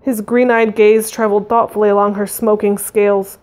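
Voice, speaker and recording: A woman's voice: mid-range voice, level tone, moderate pace, darkish tone. A woman reading a fantasy novel aloud, narrating expressively and voicing the dialogue. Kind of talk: audiobook reading.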